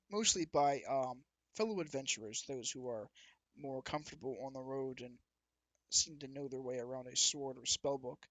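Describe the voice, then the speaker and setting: A man's voice: medium pitch, fairly bright tone, dry recording. Self-correcting male game master, dry sound. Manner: rambling, corrects himself often. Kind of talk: narrating a tabletop game.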